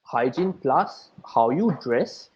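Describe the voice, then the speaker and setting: A man's voice: medium pitch, animated, slow, darkish tone, slightly rough, muffled recording. A man in his twenties, a podcast co-host, chatting casually and laughing between filler-heavy sentences. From Sri Lanka. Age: 20s. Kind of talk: casual chat.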